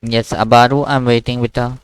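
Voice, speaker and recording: A man teaching a Quran class online to a child, patiently repeating words slowly for the student to copy. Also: mid-range voice, level tone, clear, resonant tone, no echo, poor audio. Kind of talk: one-on-one online lesson.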